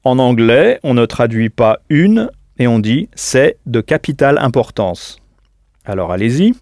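A man's voice: mid-range voice, sing-song, unhurried, a little mellow, no room sound, clean studio sound. A man teaching a scripted audio language lesson, patient and didactic, prompting the listener to answer.

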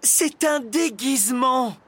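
A man's voice: high voice, expressive, normal speed, slightly rough, pitched above the performer's own voice. A man voicing an exasperated adult woman schoolteacher in a storybook reading. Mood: indignant. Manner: indignant, exasperated.

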